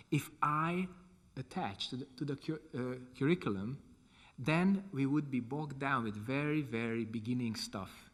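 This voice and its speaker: Hungarian-accented monk lecturing in a reverberant hall. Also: male voice, medium pitch. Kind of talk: lecture with question and answer.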